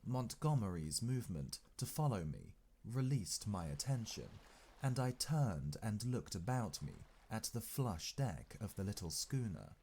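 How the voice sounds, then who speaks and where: A man narrates a classic novel in a low, unhurried voice. He takes the text phrase by phrase with frequent pauses, and his pitch moves freely as the story unfolds. There is faint noise beneath the reading. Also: sing-song, a little mellow. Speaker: audiobook narrator.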